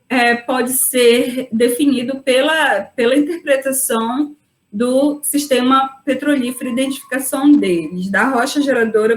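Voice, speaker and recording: Woman lecturing in an echoey room. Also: sits high. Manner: explanatory, frequent "né?" tag questions. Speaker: geologist lecturer. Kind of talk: webinar lecture. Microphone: video call.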